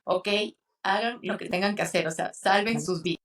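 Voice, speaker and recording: Young female podcast co-host, emotional storyteller, mid pitch, slightly distant mic. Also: moderate pace. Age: young adult. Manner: tearful, animated retelling with acted quotes.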